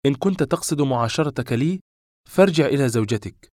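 A distressed young woman, as a male audiobook reader puts her on, fires off pointed questions, her voice raised higher and louder than the narration around her. The sound is dry and close, with no room around it. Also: lively intonation, fast talker, no room sound, lightly acted. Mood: sharp, hurt. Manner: sharp, urgent questioning.

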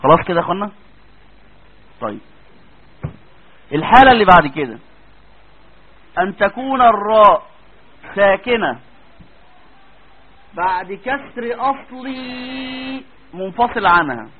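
A man's voice: high voice, animated, unhurried, long pauses, breathy edge. A man with an Egyptian accent giving a classroom lecture as a teacher, speaking colloquially and often checking with his students. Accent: Egyptian Arabic. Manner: colloquial, keeps asking students check questions. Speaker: tajweed teacher. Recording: tinny phone-like lo-fi audio.

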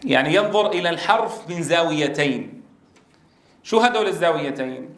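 Man, Quran recitation teacher, fairly high voice, quizzes the class and sounds out letters loudly, echoey room. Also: animated, brisk. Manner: drills letter sounds aloud, asks the class questions; loud stressed demonstrations of letters. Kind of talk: tajweed lesson to trainee teachers.

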